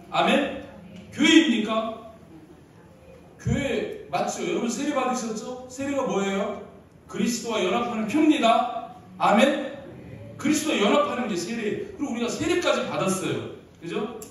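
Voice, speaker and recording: A male pastor preaches with lots of storytelling and frequently calls on the congregation for a reply. His voice sits high and swings widely in pitch. He is heard from some way off in a very echoey sanctuary with a faint hiss. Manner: storytelling, often asking the congregation for replies. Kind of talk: sermon. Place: church sanctuary. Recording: echoey hall from far off.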